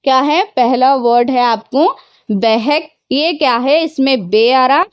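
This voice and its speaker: A woman's voice: high voice, slow pace, clear, resonant tone, dry recording. A woman teacher giving a grammar lesson to children, patiently asking questions and answering them herself, mixing English words into her explanations. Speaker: Urdu teacher.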